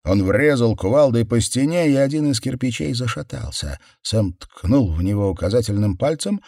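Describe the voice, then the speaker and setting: A man narrating a horror audiobook in a measured, intense way, slowing down on key words. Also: medium pitch, lively intonation, mellow, no echo. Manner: measured, intense, with slowed stresses. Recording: dry close studio sound.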